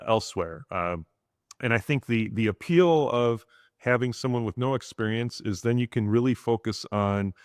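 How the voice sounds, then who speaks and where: Male podcast co-host, low voice, halting casual talk full of "um" and "uh". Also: no echo, studio quality. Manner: rambling, many fillers and restarts. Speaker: insurance agency co-host.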